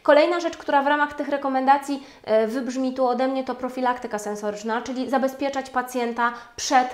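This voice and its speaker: A woman giving a webinar lecture on speech therapy, formal and measured, with frequent hesitation sounds. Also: high-pitched, steady tone. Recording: roomy echo.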